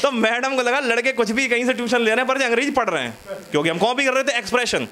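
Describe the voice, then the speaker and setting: A man's voice: very high voice, animated, rapid-fire, crowd noise. A male stand-up comedian telling school and marriage stories in a chatty way, bantering with the audience from a small studio stage.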